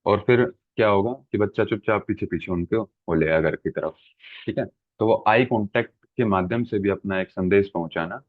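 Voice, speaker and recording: Low-voiced male teacher, dry phone-like sound. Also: dry recording. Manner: explains with everyday examples, frequent "ठीक है" checks. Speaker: exam-prep teacher. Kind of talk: classroom lecture.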